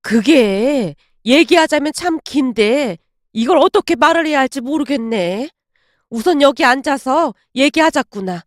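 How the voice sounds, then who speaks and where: A woman voicing an older mother-in-law who scolds her son and then slowly pleads with her daughter-in-law, in a dramatized story reading. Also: sits high, lively intonation, no echo, clean studio sound. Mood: pleading.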